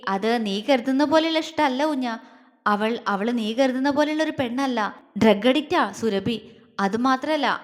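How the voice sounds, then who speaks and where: A woman voicing a grown man who is protective and tender, talking in a calm, serious, reassuring way. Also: high-pitched, long reverb tail, natural voice.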